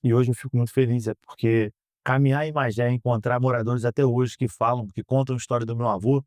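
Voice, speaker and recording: A man's voice: mid-range voice, steady tone, darkish tone, no room sound. Earnest man in his thirties, dry studio sound. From Brazil. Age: 30s. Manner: earnest, measured, frequent "né?" tags. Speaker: guest, politician. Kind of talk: interview answers. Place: podcast studio.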